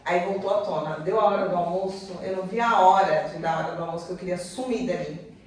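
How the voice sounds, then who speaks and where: A woman giving a personal testimony as a guest, telling her story in an animated way and acting out the conversations. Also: fairly low pitch, fast talker, slight background noise. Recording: echoey room, far from mic.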